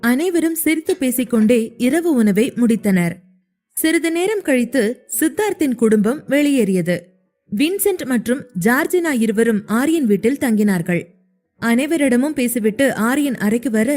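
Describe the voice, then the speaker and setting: A woman reads a serialized romance story aloud at a calm, steady pace. Her voice sits fairly high but sounds mellow and warm, and faint music plays under her narration.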